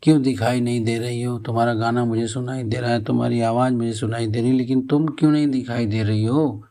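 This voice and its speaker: A male storyteller voicing a frightened young man who asks insistent, rushed questions. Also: medium pitch, level tone, mellow, natural voice. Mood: pleading.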